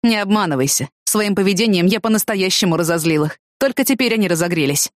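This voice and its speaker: A woman voicing a calm, dry young man. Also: medium pitch, fast talker, no room sound, close to an everyday voice.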